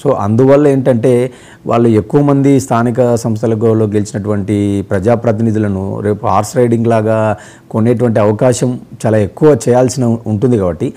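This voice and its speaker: Male panelist on a news debate, low dark voice, slow analytical talk full of fillers. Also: fairly even intonation. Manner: measured, analytical, with filler 'so' and 'ante'.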